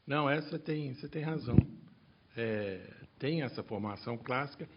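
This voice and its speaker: A man's voice: mid-range voice, moderate pace, dull audio, very noisy. A man, a literature professor, talking through a topic on a panel and thinking aloud, with many asides. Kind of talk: panel discussion.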